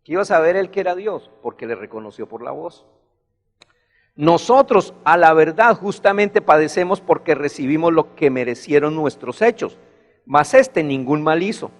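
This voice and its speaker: A man's voice: a little high, animated, moderate pace, long reverb tail. A man preaching a sermon, rising into emphatic bursts as he retells a story.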